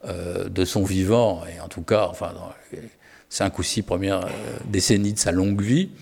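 This gravelly, lowish male voice has a steady, somewhat dark tone as he discusses books at an easy pace, hesitating, using many fillers, and often starting sentences over. His speech echoes with long reverb, like a big room.

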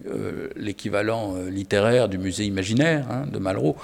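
A man with a lowish, gravelly voice discusses books in an unhurried, hesitant way, often restarting his sentences. His voice carries a long reverb, as if spoken in a large room. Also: darkish tone. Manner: hesitant, many fillers and restarts.

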